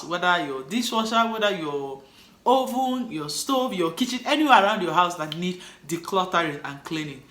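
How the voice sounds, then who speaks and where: A woman with a Nigerian accent and a fairly low, sharp-toned voice chats to camera about cleaning. Recorded in an echoey room, she keeps things upbeat and encouraging for her viewers and ends with a motivational sign-off.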